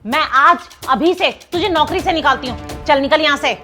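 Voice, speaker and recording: A woman's voice: high-pitched, normal speed, music in the background, natural voice. A woman acting a bossy wealthy house mistress who scolds and taunts in a short drama skit. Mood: scolding. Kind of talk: scripted Hindi skit acting.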